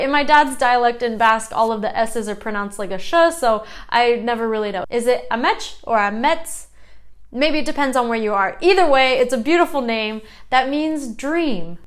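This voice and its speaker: Chatty woman vlogger, fairly high voice. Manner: chatty and self-deprecating, laughs at her own mistakes. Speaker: channel host. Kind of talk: casual explainer vlog.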